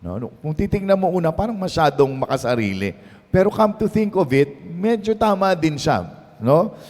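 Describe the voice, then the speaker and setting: A Filipino priest preaches in a relaxed, storytelling way, slipping between Tagalog and English and asking "no?" every few lines. His voice sits a little high for a man. The sound carries a long reverb tail from a large hall. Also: moderate pace. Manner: mixes Tagalog and English, tags phrases with "no?"; storytelling, conversational. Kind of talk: sermon at a prayer meeting.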